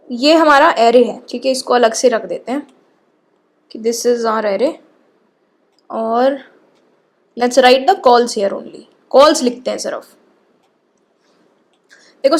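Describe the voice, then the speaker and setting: A woman with a high voice gives a coding lecture. She walks through each step patiently and keeps checking that her listeners follow along. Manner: explains patiently, often checks in with "ठीक है". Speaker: programming teacher.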